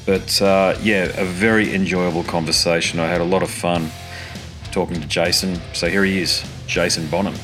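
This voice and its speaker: A man's voice: low-pitched, fairly even intonation, normal speed, over music. An Australian man hosting a podcast in an informal, matey, conversational way. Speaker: podcast host and interviewer.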